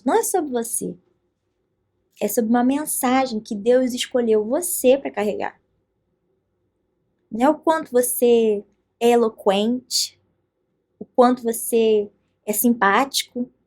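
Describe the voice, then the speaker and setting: A Brazilian woman telling faith stories as a podcast guest, with an animated and earnest delivery. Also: a little high. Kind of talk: faith testimony in a podcast conversation.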